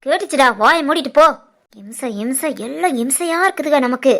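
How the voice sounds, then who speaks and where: A woman voicing a sharp-tongued, scheming older mother in an animated family drama, with a Tirunelveli Tamil accent. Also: sits high, a little fast. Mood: irritated. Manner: grumbling, scornful.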